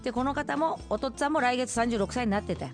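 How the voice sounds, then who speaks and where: Brisk woman host with Kumamoto dialect. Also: a little high, over music. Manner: brisk, laughing, playful banter. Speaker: radio host reading listener mail. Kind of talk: lively casual radio chat.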